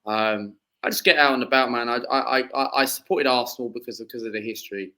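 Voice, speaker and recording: A man's voice: mid-range voice, steady tone, fast, bright, forceful tone, poor audio. A man in his twenties from southeast England, a football fan chatting as a podcast guest, rambling with many fillers and restarts. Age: 20s. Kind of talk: casual chat.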